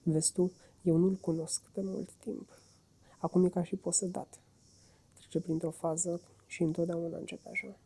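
A firm, irritable male water rat, as a woman reading a storybook puts him on, blunt and quick to shout. The voice is low and gravelly. The tone is dark and husky. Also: little pitch movement.

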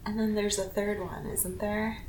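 A woman co-hosting a podcast, a teacher chatting in a relaxed way and reacting with laughs and gasps. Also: medium pitch, moderate pace, a little hiss or hum, rough recording. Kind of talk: casual chat.

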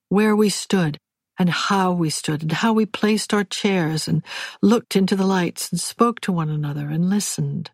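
A woman giving measured, wry first-person audiobook narration. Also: fairly low pitch, a little mellow, no echo, studio quality.

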